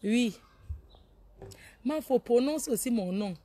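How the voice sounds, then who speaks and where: Animated woman chatting on a live stream. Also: on the high side, slow pace. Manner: animated, teasing, laughs often, scolds viewers. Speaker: Facebook live host. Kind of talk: casual live-stream chat reading viewer names.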